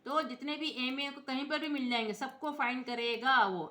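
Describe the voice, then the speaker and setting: Female computer teacher: high, bright voice, patient step-by-step explanations, echoey room sound. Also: fairly even intonation, moderate pace. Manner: explains step by step, spells out letters, often checks in with viewers. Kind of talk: screen-recorded software tutorial.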